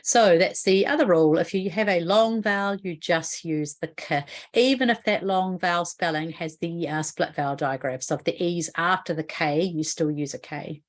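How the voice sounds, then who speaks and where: A woman's voice: fairly low pitch, normal speed. A woman with a New Zealand accent explaining a spelling rule in an instructional video lesson, patient and explanatory, often asking the viewer questions. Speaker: literacy educator.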